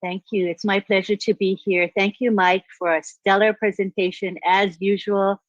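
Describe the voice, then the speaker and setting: A woman's voice: medium pitch, little pitch movement, moderate pace, dry recording. Older woman, from Hawaii, webinar guest, chatty, muffled lo-fi dry audio. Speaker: guest speaker. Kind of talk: personal testimony on a webinar.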